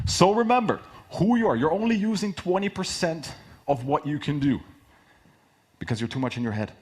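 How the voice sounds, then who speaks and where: A man with a slightly husky, mid-pitched voice speaks as a public speaking coach demonstrating on stage. His delivery is projected and emphatic, and he drives points home by repeating short phrases. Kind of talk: live workshop presentation with demonstrations.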